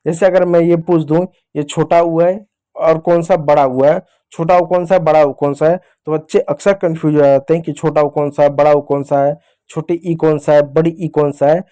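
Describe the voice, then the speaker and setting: Male teacher, patient, repeats himself, talks to learners as children, slightly high voice, mellow. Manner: patient, addresses viewers as children, repeats key points. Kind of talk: beginner Hindi reading lesson. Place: teaching at a board or screen with a pen.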